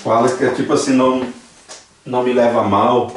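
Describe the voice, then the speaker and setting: A Brazilian man teaches a language class, patiently saying each word slowly and repeating it for his students. His voice is mid-pitched and reaches the mic from across the room. The sound bounces around a big echoey church hall, with faint noise behind him. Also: flat delivery, recorded from a distance. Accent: Brazilian Portuguese.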